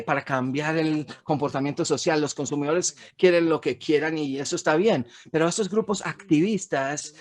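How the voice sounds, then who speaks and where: A man, an economist, giving a frank, emphatic webinar presentation over slides, with some fillers and restarts. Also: fairly high pitch. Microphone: webinar recording.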